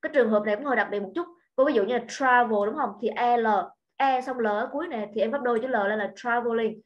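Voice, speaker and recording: A female English teacher leads an online grammar class at a quick pace, explaining patiently, repeating points and checking again and again that her students understand. Her voice sits somewhat high. The sound is dull and lo-fi, as from a computer mic.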